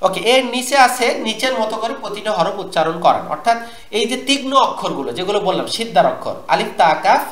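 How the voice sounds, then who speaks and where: A fairly high-pitched man explains a lesson for teachers, breaking off to chant drawn-out Arabic syllables as examples. His voice rings around an echoey room. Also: lively intonation, fairly bright tone. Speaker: Quran teacher instructing teachers. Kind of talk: explanatory lesson with demonstrated recitation.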